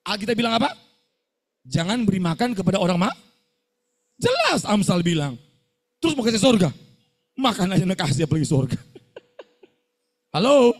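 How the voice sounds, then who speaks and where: A man's voice: high-pitched, huge pitch swings, normal speed, long pauses. A middle-aged male pastor, preaching a scolding sermon to students and firing call-and-response questions at them.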